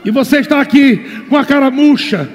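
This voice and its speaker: A Brazilian man preaching a fervent sermon as pastor, moving between quiet asides and shouted exhortations. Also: very high-pitched, fairly quick, big-room sound, muffled recording, a faint crowd. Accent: Brazilian Portuguese.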